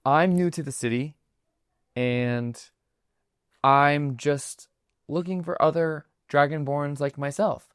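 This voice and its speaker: A woman's voice: sits low, slow, long pauses, smooth, dry recording, studio quality. A woman doing a bubbly dragonborn woman. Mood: eager. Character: friendly woman dragonborn newcomer.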